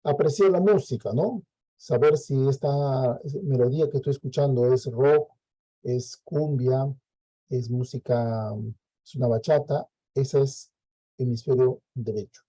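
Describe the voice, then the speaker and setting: A man's voice: mid-range voice, measured pace, warm tone, no room sound, poor audio. A Peruvian man lecturing a class, explaining step by step and checking in with frequent "¿no?" tags. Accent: Peruvian Spanish. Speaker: teacher.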